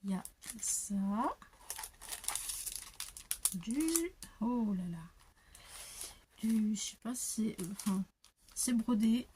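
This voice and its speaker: Older woman, crafting unboxing vlog, unhurried, gushing, slips into whispers, faint crinkling background. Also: mid-range voice, a little hiss or hum. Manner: gushing, exclaims over each item, drops to soft whispers. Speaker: crafting vlogger. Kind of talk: unboxing show-and-tell. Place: at home, at a craft table. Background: paper crinkling and handling clicks.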